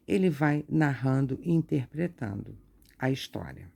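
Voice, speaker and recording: A woman teacher reads from a textbook during an art lesson and explains each point slowly, with tag questions. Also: a bass voice, very animated, creaky, mellow, husky.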